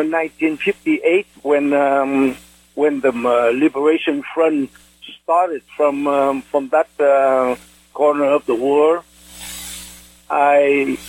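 An older man speaks English as a second language with a Vietnamese accent. He takes his time, at an unhurried pace, halting as he searches for words while recounting memories as a radio interview guest. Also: medium pitch, darkish tone, poor audio. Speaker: interview guest, war veteran.

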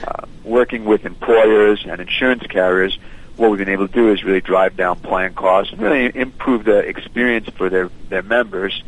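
A man with a very low voice comes through a landline phone, talking as a guest on a radio interview. He explains his company's service in a businesslike, fluent way and fills pauses with uh and um. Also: poor audio. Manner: fluent, businesslike, many uh and um fillers. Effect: heard over a landline phone. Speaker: company founder and CEO, guest.

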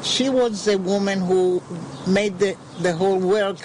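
An older woman from Israel, an interview guest recalling her family history in halting English, searching for words. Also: mid-range voice, steady tone, noisy background. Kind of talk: unscripted recollection.

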